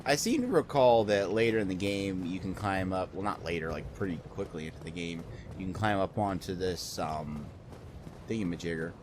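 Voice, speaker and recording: A man's voice: low voice, lively intonation, normal speed, noisy background. A man giving casual gameplay commentary, rambling, joking and swearing freely. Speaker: let's play host.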